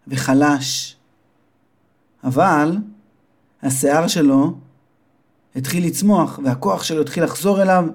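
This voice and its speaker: Expressive male children's storyteller. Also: sits high. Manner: warm, expressive, slows for drama.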